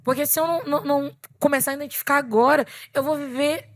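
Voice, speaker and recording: Young woman guest, fairly high voice, earnest testimony with emphatic repetition. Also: fairly even intonation, fast. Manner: earnest storytelling, repeats phrases for emphasis. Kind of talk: personal faith testimony.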